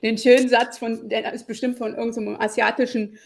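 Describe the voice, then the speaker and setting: A woman's voice: a little high, flat delivery, quick pace, gravelly, slight background noise. A woman in her forties, a guest on a podcast, talking reflectively over a video call with lots of fillers. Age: 40s. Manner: reflective, many fillers, frequent "ne?". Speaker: podcast guest, lawyer and networking expert. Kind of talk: casual conversational interview. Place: home room with shelves.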